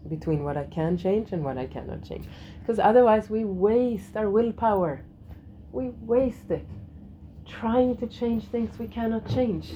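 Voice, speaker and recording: A middle-aged woman teaching a yoga lesson in a gentle way, repeating key phrases and laughing softly now and then. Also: medium pitch, a little hiss or hum, low-quality recording. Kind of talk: spiritual lesson to a class.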